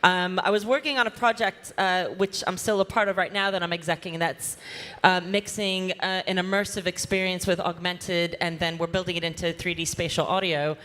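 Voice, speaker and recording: Woman, panel moderator, chatty, energetic, lowish voice, big reverberant hall. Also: moderate pace. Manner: chatty, energetic, lots of fillers. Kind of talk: live conference panel talk. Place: large conference hall.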